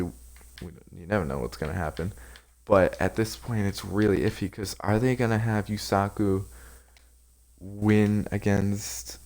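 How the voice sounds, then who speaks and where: Low-voiced guy rambling thru an episode recap, lots of ums and restarts. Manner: rambling, with many fillers and restarts. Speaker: anime reviewer.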